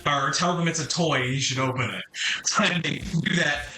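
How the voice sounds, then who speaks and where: A man's voice: a little high, moderate pace, bright, forceful tone, faint music behind. A man playing in a tabletop game, chatting and joking casually. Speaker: player. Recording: echoey room.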